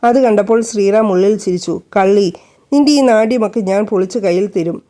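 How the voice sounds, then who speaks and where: A woman's voice: mid-range voice, brisk, warm tone. A woman narrating a romance story as a storyteller and reading every character's lines in her own voice.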